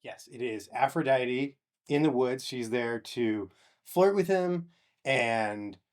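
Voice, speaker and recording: Man co-host, mid-pitch, wry and joking in a casual recap. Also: slow, background noise. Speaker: podcast co-host. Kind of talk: casual chat recapping a TV episode.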